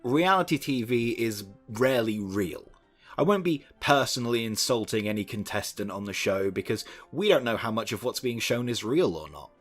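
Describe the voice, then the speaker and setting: A man's voice: medium pitch, lively intonation, normal speed, faint music behind. A young man narrating a scripted video essay with sardonic asides and the odd swear word.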